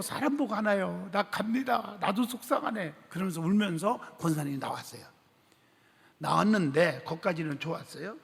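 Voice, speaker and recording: A man preaching in a church with a high, gravelly voice. He tells his story with animated delivery, acts out the people he quotes and puts questions to the congregation. A long hall reverb trails behind every word. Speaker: pastor. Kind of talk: sermon. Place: church sanctuary.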